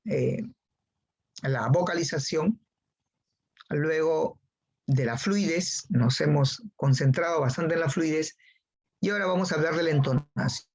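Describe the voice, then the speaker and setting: A man's voice: on the high side, measured pace, pauses often, slightly rough. A man teaching a class, who repeats key phrases and calls on students by name. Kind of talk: online class lecture.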